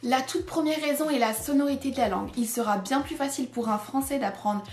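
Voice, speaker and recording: Bright-voiced French woman teaching English. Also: sits high, fairly quick. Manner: clear, explanatory, demonstrating English pronunciations. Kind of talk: scripted video lesson. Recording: echoey room with faint music.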